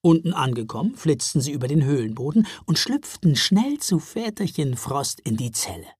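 Woman reading a children's story, very lively up and down, kinda breathy, dry close mic. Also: deep voice, normal speed, no room sound. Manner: lively, expressive. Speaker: narrator.

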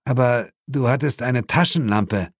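A man's voice: medium pitch, measured pace, husky, no room sound, voice pushed up. A male narrator voicing a level-headed male partner who speaks in a dry, matter-of-fact way, in an audiobook.

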